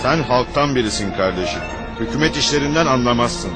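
A patronizing townsman acted by a man in a dubbed historical drama, with a mid-pitched voice. He argues in an insinuating, persuasive way over prominent music. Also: expressive, brisk, natural voice. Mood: sly, patronizing.

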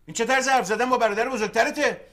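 An actor playing a cheeky older brother and smooth-talking hustler, cocky and bickering. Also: male voice, very high voice, fairly bright tone. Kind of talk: TV comedy drama.

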